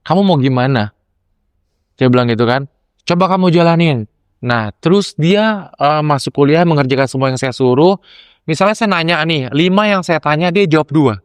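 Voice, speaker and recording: Lively storytelling man, smooth voice. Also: moderate pace, no room sound. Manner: animated, acts out quotes with rising pitch. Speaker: lecturer and podcast guest. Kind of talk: casual storytelling chat.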